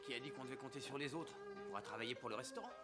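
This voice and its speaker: An actor playing a humble, good-natured former monk and comic sidekick in a French martial arts film dub. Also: male voice, medium pitch, expressive, racing, loud music behind the voice, close to an everyday voice. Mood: calm, resigned.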